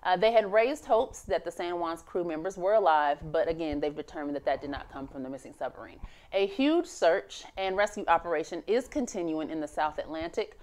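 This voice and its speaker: A woman's voice: on the low side, fairly quick, darkish tone. A woman hosting an online news show, reading the headlines in a casual, unpolished way with frequent "uh" fillers. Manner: reads with many "uh" fillers, laughs easily.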